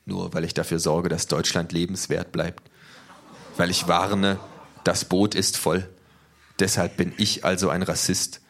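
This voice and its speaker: A man's voice: low voice, level tone, a little slow, gravelly, a bit bright, a little hiss or hum, heavily acted. A man voicing a stern, pompous middle-aged male immigration official who talks in a curt, officious manner.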